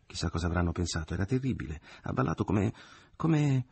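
A man reading an audiobook, voicing an indignant, flustered middle-aged mother in a shrill, sputtering voice. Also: expressive, racing, slightly rough, exaggerated voice.

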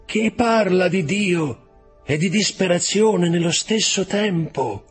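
A man's voice: sits high, expressive, slow pace, faint music behind, voice pushed up. A man voicing a hidden prisoner behind a wall. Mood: startled. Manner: questioning, hushed and sepulchral. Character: mysterious male prisoner speaking through a wall, long confined.

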